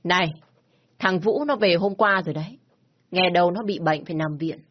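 A woman's voice: lowish voice, moderate pace, muffled recording, natural voice. Woman doing a blunt older neighbor.

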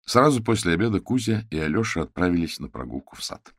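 A man narrating an audiobook in a measured storytelling manner. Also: low voice, big pitch swings, no echo, studio quality. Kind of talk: scripted narration.

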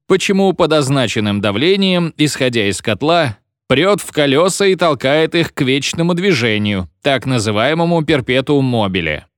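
A man voicing a pompous, bossy old professor who lectures and shouts orders at his class. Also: medium pitch, animated, moderate pace, hardly any pauses, no room sound, studio quality, voice pushed up, lightly acted. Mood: lecturing. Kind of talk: audiobook reading.

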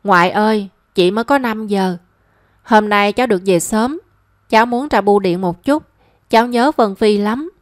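A woman's voice: medium pitch, normal speed, no echo, studio quality, lightly acted. A woman voicing a shy, flustered young woman in a story.

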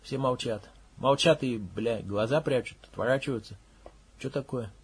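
A man's voice: mid-range voice, normal speed, husky. A man narrating an audiobook in a blunt, coarse manner, with swearing.

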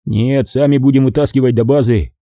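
A man's voice: medium pitch, fairly even intonation, brisk, dark tone, dry recording, clean studio sound, natural voice. A man voicing a firm, commanding sergeant who gives short, authoritative orders. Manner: curt, authoritative.

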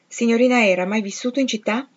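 A woman voicing a brusque, commanding middle-aged gentleman who fires off curt, imperious questions. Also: on the high side, quick pace, voice pushed up, close to an everyday voice. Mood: probing. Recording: slightly dull lo-fi recording.

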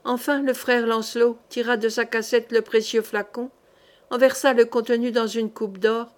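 A woman reads a zealous male hermit monk from a historical novel, nasal and rambling in a quick flow of words. The voice sits a touch high. A storybook character told by a single reader. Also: level tone, close to an everyday voice. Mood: earnest. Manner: rapid, long-winded recounting. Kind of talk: audiobook character reading.

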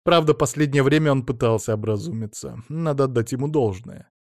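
A man's voice: mid-range voice, brisk, creaky, a little mellow, no room sound, clean studio sound, voice pushed up, natural voice. A man reading an audiobook, voicing a cold, curt middle-aged woman with a scornful manner.

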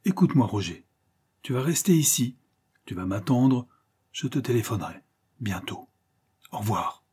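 A man voicing an impassioned young male avenger with a husky voice and declamatory delivery. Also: medium pitch, normal speed, warm tone, natural voice. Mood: fervent. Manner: declamatory, rising to vehement cries. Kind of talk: audiobook character reading.

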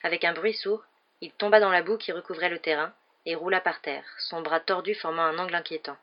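Low-voiced woman narrating an audiobook. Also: steady tone, a little fast, lo-fi sound, slight background noise.

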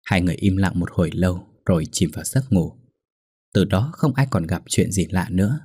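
A man narrating a ghost story in a steady, suspenseful way. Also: low-pitched, brisk, husky, no echo.

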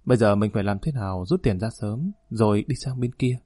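A man voicing a gentle young woman who soothes her boyfriend, in an audiobook reading. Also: mid-range voice, fairly quick, natural voice. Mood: soothing. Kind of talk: audiobook narration.

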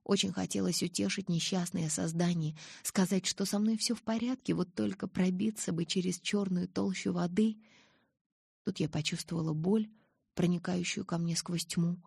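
Husky woman reading an audiobook. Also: on the low side, steady tone, normal speed, darkish tone, no room sound, clean studio sound. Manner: dramatic, intense reading. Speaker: audiobook reader. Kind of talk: scripted narration.

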